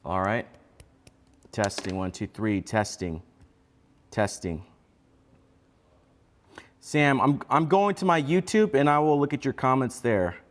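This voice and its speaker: A man runs through a loose sound check ahead of a live stream, counting off test phrases and calling out to his crew. His voice sits at an ordinary pitch, and his delivery is relaxed and conversational. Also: takes it slowly, pauses often. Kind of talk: casual mic check.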